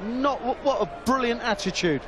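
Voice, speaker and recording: A man's voice: very high voice, moderate pace, crowd noise, background noise. A man giving live darts commentary in emphatic, short punchy phrases.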